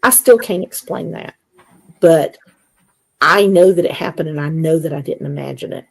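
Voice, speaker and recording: A woman guest on an interview show, telling her story in a casual, animated way and acting out the dialogue. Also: sits low, moderate pace, creaky, slightly rough. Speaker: guest, Bigfoot investigator.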